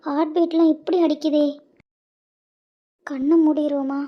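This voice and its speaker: A performer voicing an emotional, tearful young wife in a cartoon, with a southern Tamil Nadu accent, speaking in breathy, halting repeats. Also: sits high, little pitch movement, muffled recording. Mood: nervous, amazed. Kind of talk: cartoon voice acting.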